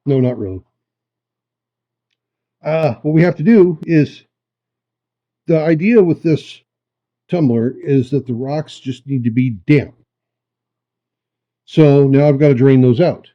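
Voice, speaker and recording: A man giving a folksy, unhurried hands-on demonstration, thinking aloud, his voice muffled by a camera microphone. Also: mid-range voice. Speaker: host of a rock tumbling hobby channel. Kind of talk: casual hands-on demonstration talk. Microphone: camera's built-in microphone.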